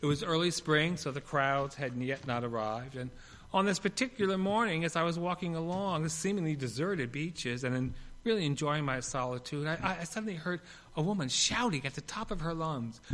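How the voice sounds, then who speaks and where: A man preaching from the pulpit in a bright, forceful voice that sits a little high for a man. He moves from ringing emphasis to near-whispered lines and slips in playful, humorous asides along the way. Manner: expressive preaching with big swings between loud and hushed. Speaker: pastor. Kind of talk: sermon.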